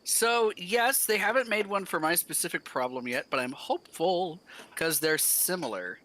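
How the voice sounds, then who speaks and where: A man's voice: high-pitched, animated, moderate pace, bright, forceful tone, slight background noise. A man chatting casually on a call with wry, teasing remarks. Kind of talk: casual chat over voice call.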